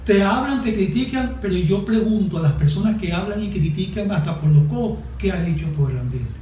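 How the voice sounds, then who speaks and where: Speaking as a guest on a panel, an environmental activist from Venezuela in his sixties gives an impassioned speech. His high voice is animated and mellow, and he emphasizes points deliberately by stressing and repeating words. Faint background noise carries through an echoey room.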